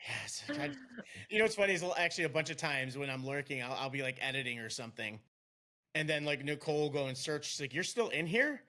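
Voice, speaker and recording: A man's voice: mid-range voice, fast, bright, forceful tone. A man hosting a podcast, joking and rambling in casual chat. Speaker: podcast host.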